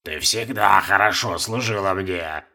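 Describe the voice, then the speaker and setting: A male narrator voicing an ancient, shrivelled male ruler who speaks slowly and curtly in a creaky voice, cold and commanding. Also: low voice, pushed and bright, voice pushed down, exaggerated voice. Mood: imperious. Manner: slow, curt, imperious. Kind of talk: audiobook character voice.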